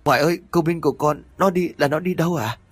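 A panicked young mother calls out in a high, hurried, tearful voice in a ghost story, as a male narrator puts her on. Her words tumble out, pleading and frightened. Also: husky, dry recording.

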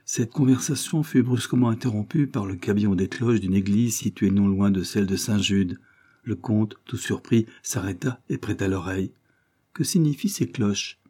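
Low, husky male audiobook narrator. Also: normal speed, mellow. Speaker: audiobook reader. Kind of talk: scripted narration.

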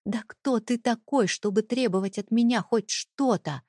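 A woman voicing a trapped young wife who fights back with raised, shouting accusations. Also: a little high, animated, unhurried, breathy edge, no echo, clean studio sound, voice pushed up. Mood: defiant.

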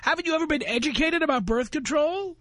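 A man's voice: very high-pitched, fast talker, a bit bright. A man hosting a call-in radio show, blunt and lecturing, cutting in on callers. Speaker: radio talk show host.

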